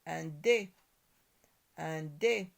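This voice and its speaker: Slow, carefully articulating woman teacher. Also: sits low, vocal fry. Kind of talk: slow reading lesson for young children.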